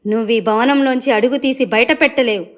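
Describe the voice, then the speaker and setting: A woman storyteller voicing a gruff male pig-like beast, possessive yet kind, with a low, stern, commanding manner. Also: moderate pace, natural voice.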